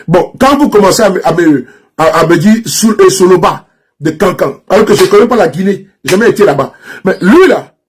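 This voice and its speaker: This Ivorian man, speaking with an Ivorian French accent, addresses his audience directly in a political rant as a social media commentator. His high voice has a breathy edge, and he keeps mocking, insisting, repeating himself and restarting sentences.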